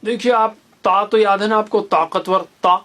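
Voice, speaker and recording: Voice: mid-range voice, fairly even intonation, moderate pace, fairly bright tone. A teacher giving a beginner's tajweed lesson, explaining letters through little memory stories and repeating each sound patiently. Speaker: Quran teacher.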